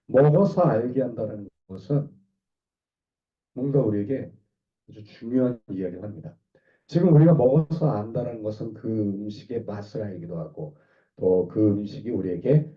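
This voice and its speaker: Hoarse male pastor preaching from afar. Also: mid-range voice, recorded from a distance, narrow, tinny audio. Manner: conversational preaching, asking the congregation questions. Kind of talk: sermon. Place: small church hall.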